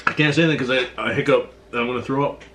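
A man's voice: medium pitch, steady tone, very fast, fairly bright tone, slight background noise. A man co-hosting a casual food-challenge vlog, talking in a chatty way full of "like" and laughing between words. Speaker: co-host.

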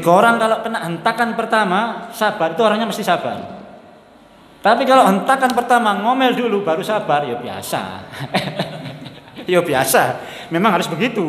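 Preacher in echoey hall. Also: male voice, sits high, a bit bright. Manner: conversational, repeats points, mixes in Javanese words. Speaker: Islamic preacher. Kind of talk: sermon. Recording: echoey hall, faint ambience.

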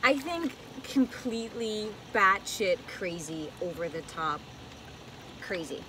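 Playful, laughing actress in a casual chat. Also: female voice, medium pitch, expressive, slow, over a noisy crowd. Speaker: guest actress. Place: hot tub.

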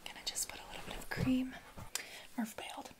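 A woman in her twenties whispering and speaking softly as she hosts a personal-attention ASMR session. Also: brisk. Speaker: ASMR host giving a massage. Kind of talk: soft-spoken whispered ASMR. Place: small bedroom, indoors.

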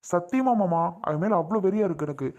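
Playing a defiant young husband and hot-tempered, protective father in a family drama skit, a man fires repeated questions heatedly. He talks fast in a high, expressive voice that is a little mellow.

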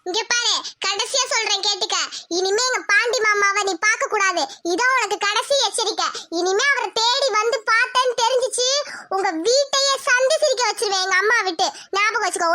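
A woman's voice: extremely high pitch, brisk, sharp tone, slight background noise. A woman voicing an arrogant rich village girl in a cartoon, taunting and threatening her rival. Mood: scornful. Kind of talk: cartoon voice acting.

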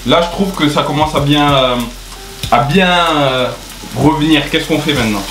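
A man's voice: fairly high pitch, normal speed, fairly bright tone. Young man cooking in an echoey kitchen. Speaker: co-host of a home cooking video. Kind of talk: casual cooking chat with instructions to camera. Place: small tiled home kitchen, indoors. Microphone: camera at about arm's length or further. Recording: echoey kitchen, music and frying behind.

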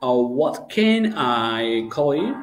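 A young man hosting a live English practice interview over a video call from a room at home, speaking haltingly with many fillers and repeatedly asking viewers to share. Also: mid-range voice, sing-song, faint music behind, low-quality recording. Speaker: host and teacher. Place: home room with starry painted wall. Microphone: webcam on video call.

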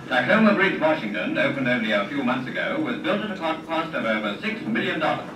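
A man's voice: on the high side, big pitch swings, fast talker. A man narrating an old newsreel in a dramatic announcer style, his film soundtrack played back in a classroom. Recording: echoey, distant playback with loud music.

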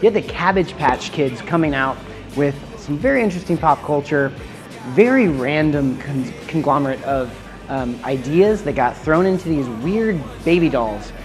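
A man's voice: a little high, lively intonation, moderate pace. A man in his thirties hosting a casual food vlog, chatty and enthusiastic as he describes dishes and restaurants. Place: restaurant patios and city streets. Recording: music playing behind.

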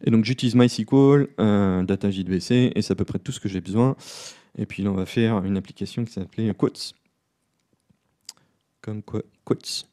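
Relaxed man giving a coding talk. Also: fairly low pitch, fast. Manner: relaxed, self-deprecating, many fillers. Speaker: conference speaker. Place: conference room.

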